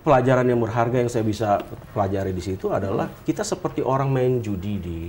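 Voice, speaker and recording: A man's voice: medium pitch, fast talker, crowd noise. Indonesian business guy telling stories in an interview, voice jumps all over, does the other people's voices. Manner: animated, acts out quoted voices. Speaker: entrepreneur guest. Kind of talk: storytelling interview talk.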